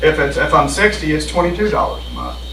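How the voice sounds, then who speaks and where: Presenting insurance benefits in a board meeting room, this man explains the options folksily and repeats himself a lot. His slightly high voice swings hugely in pitch, sounding bright and forceful at a quick pace. It's recorded from a distance in an echoey room with slight hiss or hum.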